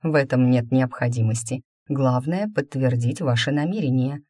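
A woman voicing a calm, smooth-talking male mage who stays unruffled and speaks in an ingratiating way, in a story read aloud. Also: very deep voice, no room sound, clean studio sound. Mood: composed. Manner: unhurried, imperturbable, ingratiating.

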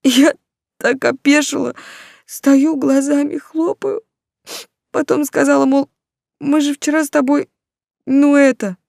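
A woman's voice: high-pitched, little pitch movement, unhurried, vocal fry, long pauses, darkish tone, no room sound, clean studio sound, pitched above the performer's own voice. A woman voicing a naive, tearful young woman student in an audiobook, plaintive and whiny. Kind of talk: audiobook character voice.

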